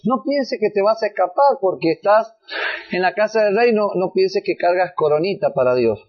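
A man with a high voice preaching a sermon to his congregation. He lifts his voice higher and louder when he reads the verses, with frequent restarts. The sound is dull and lo-fi. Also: expressive, normal speed, breathy edge. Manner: rises in pitch and volume when reading scripture, many restarts.

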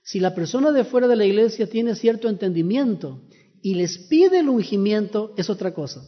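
A man's voice: sits high, expressive, normal speed, big-room sound, muffled recording. A man preaching a sermon as minister, earnest, repeating key phrases and verses, often restarting his sentences.

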